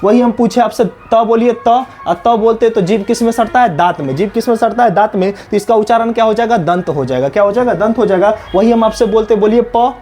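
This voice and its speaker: A man teaching an exam-prep lesson, asking questions and answering them himself, dropping lower and softer on each repeated answer. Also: fairly even intonation, a little fast, few pauses. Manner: drops low and soft on the repeated answer.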